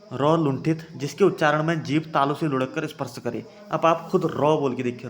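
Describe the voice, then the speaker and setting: A young man teaching an exam-prep grammar lesson, calling his viewers friends and having them try each sound aloud. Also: a little high. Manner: addresses viewers as friends, repeats points.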